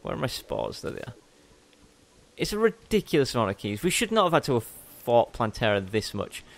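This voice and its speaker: A man's voice: mid-range voice, very animated, fairly quick, vocal fry. A young man giving casual gameplay commentary as a let's play host, chatty and rambling, often correcting himself mid-sentence.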